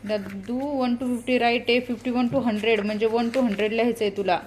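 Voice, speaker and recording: A young woman with a Marathi accent chatting in a family vlog, talking softly to the camera and calling out loudly to her small children. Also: on the high side, steady tone, fairly quick, slight background noise. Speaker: vlogger and mother. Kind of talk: casual family vlog chat. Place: home and school grounds.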